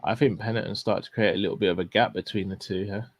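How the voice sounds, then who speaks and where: A man with a fairly low voice calmly analyses a live fight, pointing out what each fighter should do. The recording sounds dry and close, with no room echo. His delivery is steady and matter-of-fact. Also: fast. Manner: analytical, gives tactical advice to fighters. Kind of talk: casual live fight commentary.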